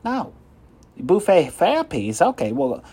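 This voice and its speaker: A man's voice: a little high, wildly swooping pitch, slow pace, husky, exaggerated voice. A man playing a pushy, insulting telemarketer who brags and swears. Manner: loud, insulting hard sell. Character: pushy rude male phone salesman.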